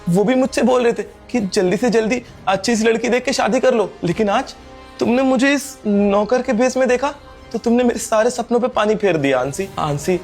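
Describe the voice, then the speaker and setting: In a scripted skit, a man acts as a poor young servant earnestly pleading with his girlfriend not to leave him. His voice is extremely high-pitched and darkish, fairly quick, with faint music in the background.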